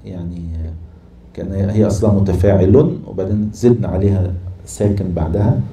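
A man with an Egyptian accent teaching a lesson and explaining a text, patiently repeating and spelling out syllables slowly. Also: low voice, fairly even intonation, mellow, roomy sound. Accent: Egyptian Arabic. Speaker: teacher of Arabic prosody.

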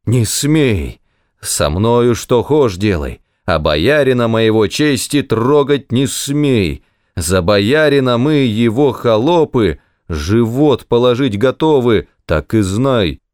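A man voicing a proud, loyal old servant who pleads in a slow, trembling voice. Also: mid-range voice, lively intonation, a little mellow, no echo, studio quality. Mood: defiant. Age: older.

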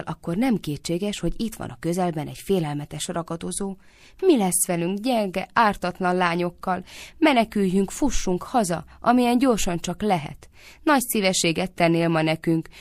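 A woman's voice: on the low side, a little mellow, no room sound, lightly acted. A woman doing a sly girl feigning innocence. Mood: teasing. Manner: mock-innocent, teasing.

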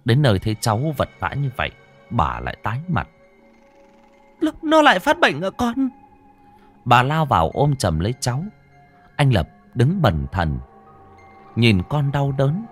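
A man's voice: mid-range voice, very animated, normal speed, slightly rough, faint music behind. A man narrating a scripted ghost story in a dramatic, suspenseful way.

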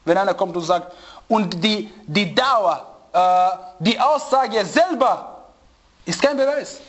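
Speaking slowly in a high, fairly bright voice, a man gives students a religious lesson. His delivery is emphatic and repetitive, full of rhetorical questions and repeated key phrases, and at times he gropes for words.

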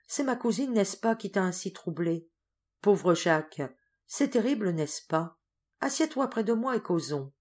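A woman reading the part of a gentle, affectionate young woman in an audiobook, in a lifted, eager tone. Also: medium pitch, lively intonation, measured pace, pitched above the performer's own voice, close to an everyday voice. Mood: tender.

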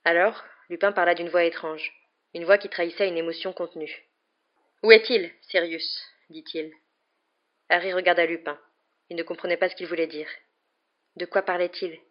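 A woman narrating an audiobook in a steady storytelling manner, on a slightly muffled recording. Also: lowish voice, fairly quick. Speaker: audiobook reader. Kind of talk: scripted narration.

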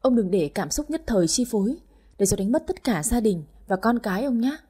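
A woman voicing an older wife who answers calmly and firmly, with a husky voice. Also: fairly high pitch. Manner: calm, measured, firmly reproachful. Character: older wife, calm, firm and reproachful.

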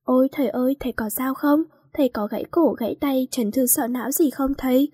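A bratty, mischievous schoolgirl who begs in a whiny voice and turns sweet and sly in turns, as a woman narrating a storybook puts her on. Her voice is high and a little breathy. The sound is close and dry. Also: quick pace, warm tone, dry recording. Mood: fake sweet. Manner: whining, pleading, sly.

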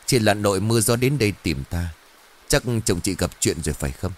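Guy playing a calm old exorcist master, deep slow and measured, faint music under. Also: a little hiss or hum, close to an everyday voice.

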